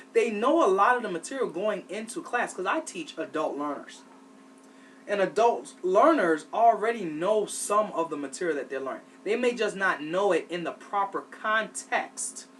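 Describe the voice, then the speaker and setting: A man's voice: high voice, a bit bright. Man teaching, voice heard from afar. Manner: emphatic, repeats "okay?" to check in. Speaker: instructor of adult learners. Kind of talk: study-skills lesson. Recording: distant mic with faint background noise.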